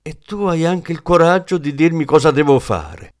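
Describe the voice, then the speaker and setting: A man's voice: a little high, animated, normal speed, pitched above the performer's own voice, natural voice. A man voicing a hard-boiled, contemptuous police inspector in an audiobook, speaking in a scornful, cutting way.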